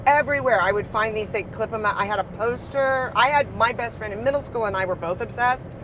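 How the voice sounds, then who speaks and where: A woman's voice: on the high side, a little fast, background noise. A woman from Texas, a podcast guest, chatting in a gushing way and swearing casually. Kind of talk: casual chat.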